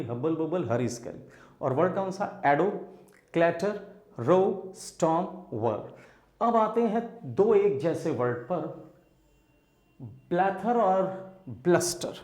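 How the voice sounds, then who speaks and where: A man's voice: fairly high pitch, darkish tone, echoey room. A man teaching English vocabulary for exams, drawing out key words for emphasis. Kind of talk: exam-prep vocabulary lesson.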